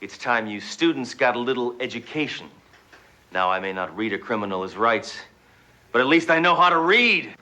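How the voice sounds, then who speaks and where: An American actor playing a tough, cocky police detective in a TV comedy, sneering out insults with a deadpan manner. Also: male voice, medium pitch, normal speed. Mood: threatening, sarcastic. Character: tough, cocky, trigger-happy male police detective posing as substitute teacher. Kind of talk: deadpan sitcom acting.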